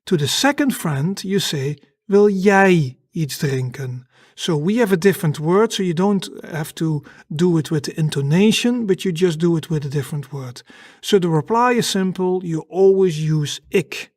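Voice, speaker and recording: Patient, slow-explaining language teacher. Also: mid-range voice, lively intonation, a little mellow, no echo, studio quality.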